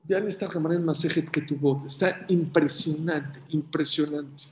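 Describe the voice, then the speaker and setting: A man's voice: on the high side, normal speed, echoey room, slight background noise. A man giving a Torah lesson, telling stories and acting out both sides of the dialogue. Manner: animated storytelling, voicing both sides of a dialogue. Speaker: rabbi.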